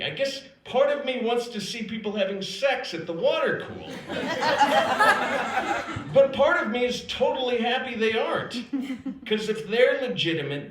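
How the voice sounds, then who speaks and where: This is an echoing live stage recording, with a little hiss or hum, from an indoor performance space at an acting institute. An American man from South Dakota performs a scripted, comic account of his own life. His pace is unhurried and his pitch rises and falls vividly, and he lands dramatic pauses with wry self-deprecation.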